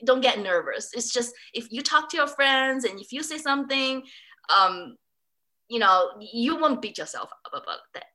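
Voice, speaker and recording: A woman's voice: fairly high pitch, sing-song, moderate pace, sharp tone. A woman from Singapore speaking in a casual interview, chatty with many fillers and restarts. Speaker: interviewee, former student.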